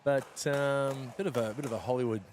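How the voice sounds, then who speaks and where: A man does color commentary in a chatty, easygoing way, filling the gaps between points with stories. His voice has an ordinary middle pitch. Faint noise sits behind him. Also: steady tone, normal speed, a little mellow. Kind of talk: live sports commentary.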